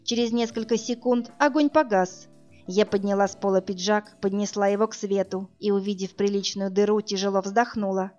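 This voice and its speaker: A woman narrating a first-person audiobook in an even, measured storytelling voice. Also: mid-range voice. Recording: dull lo-fi audio with faint music.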